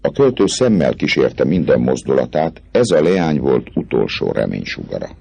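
A male audiobook narrator with a very deep, gravelly voice that rises and falls with the story. His tone is husky, and the recording is dry and close. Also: big pitch swings, darkish tone, dry recording. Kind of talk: audiobook narration of a classic novel.

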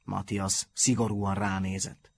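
A man narrating a children's novel in a measured storytelling manner. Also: low voice, level tone, gravelly. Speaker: audiobook narrator. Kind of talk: storybook reading.

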